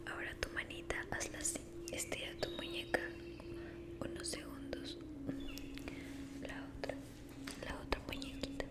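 A woman with a high voice and a completely flat delivery whispers through an ASMR role-play. She guides the listener slowly, soothing and encouraging them with caring words and affectionate diminutives.

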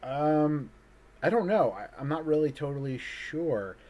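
A man's voice: a little high, lively intonation, a little slow, darkish tone. A man, an artist, chatting casually over a video call, rambling and hesitant with lots of fillers and restarts. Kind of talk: casual conversation.

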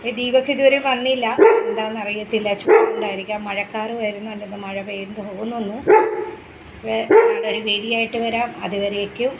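A woman's voice: mid-range voice, steady tone, moderate pace, very noisy. A middle-aged woman chatting in a home vlog, coaxing her pet dog in baby talk. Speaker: vlogger. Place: home indoors.

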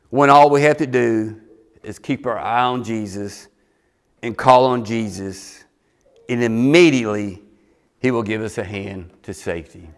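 Slow-talking preacher. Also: male voice, mid-range voice. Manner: animated storytelling, acting out scripture. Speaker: pastor. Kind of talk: sermon.

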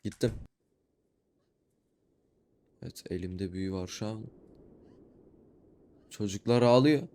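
A young man quietly talks his way through a horror game, keeping his voice low and muttering. He reads each line of dialogue aloud in a flat, even tone as he plays. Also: moderate pace, slight background noise. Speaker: gaming YouTuber. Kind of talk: let's play commentary, reading dialogue aloud.

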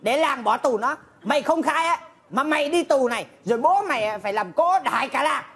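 A woman's voice: sits high, lively intonation, brisk, fairly bright tone. A woman playing a stern, scolding village magistrate with a Northern Vietnamese accent in a stage comedy. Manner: bossy, scolding northern speech.

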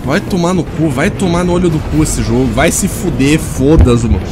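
A man's voice: a little high, moderate pace, loud music behind the voice. A young man commentating a horror game, swearing constantly and sounding exasperated and shaken. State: sweaty and shaken. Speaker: gamer.

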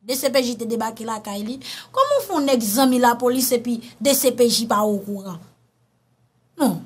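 A woman with a Haitian accent giving animated casual commentary, often calling her listeners brothers and sisters. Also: a little high, normal speed, slightly rough. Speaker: online commentator.

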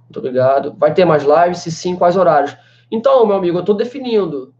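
His voice sits high and lively, a bit fast and darkish: a Brazilian language teacher in his twenties chatting through live-stream questions. He leans on fillers like "né" and "cara." The slightly dull, lo-fi webcam sound comes from a small indoor room with a banner behind him.

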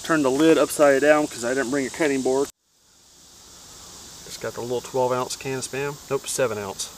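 A man casually narrating his camp cooking outdoors in the woods, relaxed and plain-spoken, giving practical tips. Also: mid-range voice, normal speed, a little hiss or hum. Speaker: outdoors vlogger.

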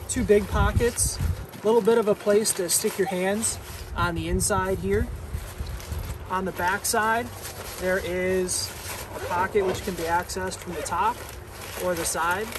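A man in his thirties giving a casual gear review as a volunteer ski patroller, relaxed with many ums while showing items, on a snowy deck and later in a garage. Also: sits high, noisy background. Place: snowy outdoor deck, then indoor garage.

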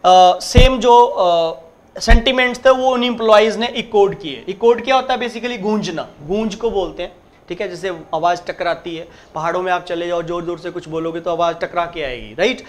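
High-voiced man teaching grammar. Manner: explains step by step, drawls the English example sentences slowly; emphatic, repeats points and keeps checking in. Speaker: English teacher. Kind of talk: exam-prep grammar lecture.

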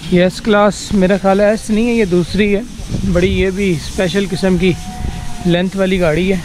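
Outdoor street noise accompanies this man as he casually tours a vehicle workshop yard, chattily pointing things out. He has a Pakistani Urdu accent, a high-pitched voice, a steady tone and normal speed, and he keeps dropping "ji" and "dekh rahe ho".

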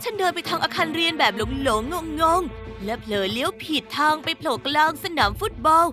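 A woman with a very high, bright voice narrates a first-person cartoon story in a lively, chatty way. Soft music plays underneath. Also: moderate pace. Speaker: narrator and lead voice of an animated story dub.

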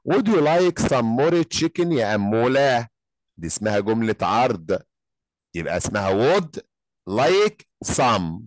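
Egyptian guy teaching english, says phrases real slow then rattles off the explanation, dry close sound. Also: on the low side, no echo. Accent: Egyptian Arabic. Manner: lively, drills phrases slowly then explains fast. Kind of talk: online English lesson.

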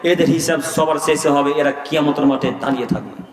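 A man's voice: on the high side, steady tone, brisk. A male preacher, delivering a sermon full of scolding rhetorical questions to his listeners. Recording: echoey hall recorded from far off.

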